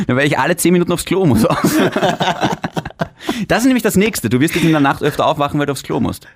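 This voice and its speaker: Sarcastic Austrian man with lively pitch. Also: normal speed, husky, no echo, studio quality. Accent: Austrian German. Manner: blunt, sarcastic, swears freely. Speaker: podcast co-host. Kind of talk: casual chat. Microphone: studio mic.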